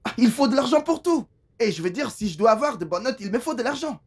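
A woman's voice: on the high side, animated, fast, darkish tone, slightly rough. A woman dubbing a whiny young male student who pleads with his older sister in a film. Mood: pleading. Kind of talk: French film dub.

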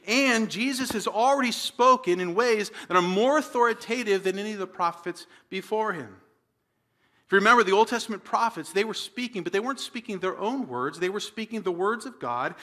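Male pastor, high bright voice, sermon delivery that rises to loud exclaims and drops to near-whispers. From United States. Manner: dynamic preaching, swinging from loud exclaims to hushed near-whispers.

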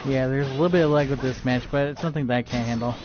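A man live streams his gameplay, talking casually and racing along, stuttering often with many fillers and restarts. His voice is medium-pitched and steady in tone. The stream audio is dull and lo-fi, with a noisy background.

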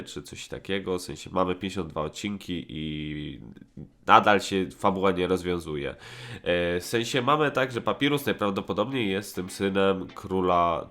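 With music running in the background, this twenty-something host of a nostalgic cartoon review show rambles casually through his review. His voice is low and a bit bright, and he hesitates, drops slang, and keeps correcting himself.

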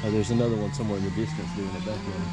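A man's voice: fairly low pitch, steady tone, very fast, loud music behind the voice. A man in his forties, a travel vlogger at an outdoor wildlife park, chatting on a handheld camera and coaxing the animals. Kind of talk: casual vlog narration.

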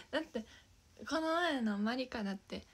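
A woman's voice: sits high, a bit bright, slightly rough. A young woman with a Kansai accent chatting casually on a livestream, giggling often, dropping into whispers and thanking viewers by name. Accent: Kansai Japanese. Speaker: idol livestreamer.

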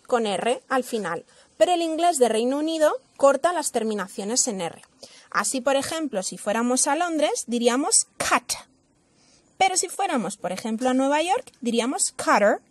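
A woman's voice: high voice, no echo. Woman teacher from Spain, models English words then explains them, dry close recording. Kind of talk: slow pronunciation lesson.

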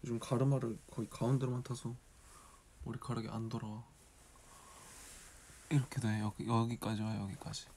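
A drowsy idol in his twenties meanders and mumbles to himself during a casual late-night solo livestream, chatting with viewers from a dim room via a phone camera at arm's length. He has a regional Korean dialect accent. His mid-range voice is level and mellow at normal speed, pausing often, with slight background noise.

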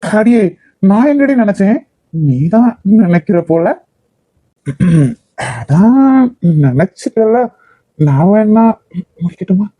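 A man's voice: high voice, very animated, slow, pauses often, mellow, dry recording, exaggerated voice. A young man voicing a playful, teasing husband in a cartoon. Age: young adult. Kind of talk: cartoon voice acting.

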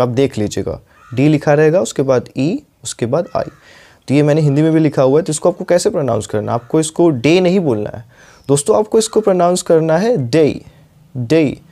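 A man with an Indian accent teaching English pronunciation, repeating words slowly and checking in with his students. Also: fairly high pitch, warm tone. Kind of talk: spoken English lesson in Hindi.

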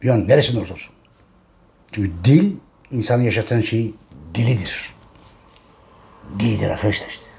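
A man's voice: fairly low pitch, fairly quick, creaky, pauses often, a little mellow. A Turkish man giving a casual, repetitive monologue on history to his viewers, often calling them friends. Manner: repetitive, addresses listeners as friends, emphatic. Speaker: history channel host.

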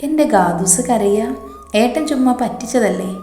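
A woman's voice: mid-range voice, fairly even intonation, normal speed, warm tone, lightly acted. A woman voicing a playful older brother who teases his sister. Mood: teasing. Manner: playful, teasing. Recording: echoey room, faint music behind.

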